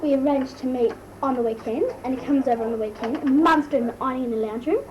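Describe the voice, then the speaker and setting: Woman doing Kylie Mole, high-voiced bratty Aussie schoolgirl. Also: fast talker, a crowd in the background, natural voice. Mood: mortified gossiping. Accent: Australian. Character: gossipy, easily embarrassed Australian teenage schoolgirl, bratty mole character. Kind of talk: amateur comic impression monologue. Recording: noisy amateur recording, distant mic.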